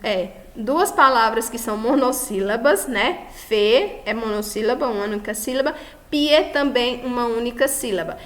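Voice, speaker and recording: A woman's voice: fairly high pitch, lively intonation, moderate pace. A Brazilian woman, a Spanish teacher, giving a recorded lesson, checking in with her students and stressing each example word. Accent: Brazilian Portuguese. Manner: affectionate, checks in often with the class; stresses example words loudly.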